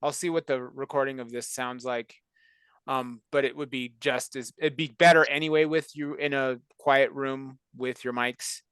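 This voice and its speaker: A man's voice: medium pitch, fairly even intonation, moderate pace, fairly bright tone, clear, resonant tone, no room sound. A man hosting a casual chat on a video call, joking and rambling. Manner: joking, rambling, self-mocking. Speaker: show creator and host of the call.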